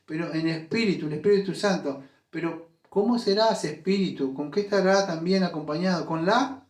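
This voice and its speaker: A man's voice: high-pitched, roomy sound. A man preaching a sermon as pastor, emphatic and full of rhetorical questions. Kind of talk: Spanish-language sermon. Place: church.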